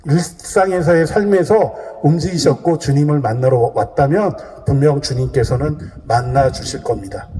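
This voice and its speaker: A man's voice: on the high side, warm tone. A man giving a testimony at Mass, telling the story vividly and acting out its scenes in a large church. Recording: long church reverb.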